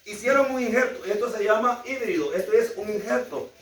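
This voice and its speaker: Talking a little fast in a high voice, a man with a Salvadoran Spanish accent delivers a Bible lesson to a class. Key words get emphatic repetition, and he asks the class questions. He's recorded far from the mic in an echoey space.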